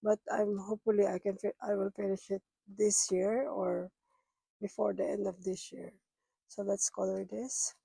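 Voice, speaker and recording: A woman's voice: mid-range voice, fairly even intonation, normal speed, creaky, warm tone, husky, no room sound, low-quality recording. A middle-aged woman who is sick, vlogging about her budget and murmuring as she counts cash aloud, half to herself. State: sick, rough voice. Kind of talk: casual counting-along vlog.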